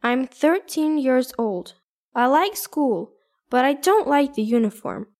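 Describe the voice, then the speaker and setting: A cheerful thirteen-year-old schoolgirl , played by a woman, introduces herself in a high, clear voice. Her delivery is careful and even, like a coursebook listening recording. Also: takes it slowly, full character voice. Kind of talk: scripted textbook dialogue.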